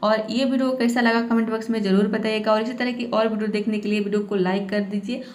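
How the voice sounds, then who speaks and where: A woman's voice: fairly high pitch, steady tone, fast. A woman teaching English pronunciation in Hindi, explaining rules patiently and repeating each word. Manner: patient, repeats words and checks with "theek hai".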